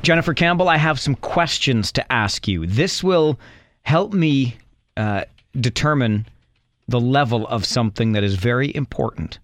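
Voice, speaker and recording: A man co-hosting a morning radio show, teasing his co-host and running a quiz in an animated way from a studio mic. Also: medium pitch, moderate pace, dry recording.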